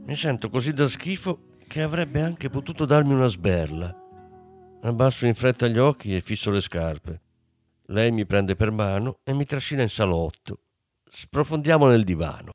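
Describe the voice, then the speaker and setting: Guy reading a kids book out loud, really animated, normal pitch. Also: normal speed, no echo, soft background music. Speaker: audiobook reader. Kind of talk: audiobook narration.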